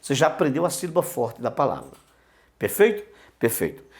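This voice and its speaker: A man's voice: medium pitch, a little fast. Guy teaching greek online, voice jumps up and down a lot, keeps repeating words and quizzing himself. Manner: lively, repeats key words, asks himself questions. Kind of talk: online lesson.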